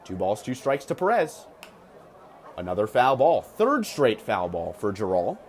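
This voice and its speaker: A lowish, very animated male voice speaks a little slowly, calling live baseball as a radio play-by-play announcer. The American broadcaster mixes punchy, clipped calls with stats-heavy asides, and the ballpark can be clearly heard in the background.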